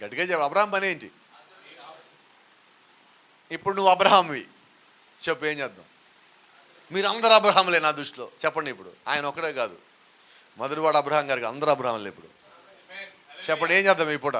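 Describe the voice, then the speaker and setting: A man's voice: fairly high pitch, lively intonation, fast talker, pauses often, pushed and bright. A man with a Telugu accent preaching a sermon, often putting questions to the congregation and urging them to answer aloud.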